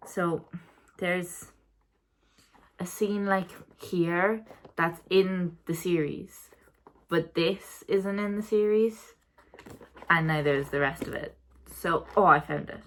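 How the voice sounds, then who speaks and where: A woman's voice: fairly low pitch, slow pace, pauses often, fairly bright tone. A young woman chatting casually about her month's reading, rambling and correcting herself as she goes. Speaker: book vlogger. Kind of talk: casual reading wrap-up chat.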